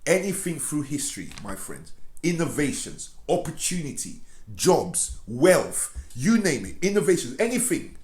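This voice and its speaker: Man, confrontational commentary, slightly high voice, roomy echoey room. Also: big pitch swings, normal speed, darkish tone. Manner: confrontational, addresses his target directly, repeats phrases. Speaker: online commentator. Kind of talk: impassioned commentary. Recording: roomy echo.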